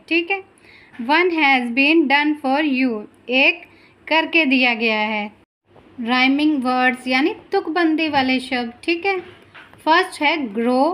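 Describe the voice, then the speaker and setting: A woman teaching a children's English lesson, reading English lines slowly and carefully, then explaining them in Hindi. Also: high-pitched, a bit bright.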